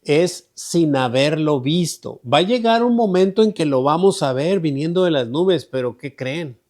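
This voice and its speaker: A man's voice: a little high, expressive, measured pace, a little mellow. A man teaching an online Bible study in a conversational way. He often repeats himself and checks in with "¿verdad?". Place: online group meeting.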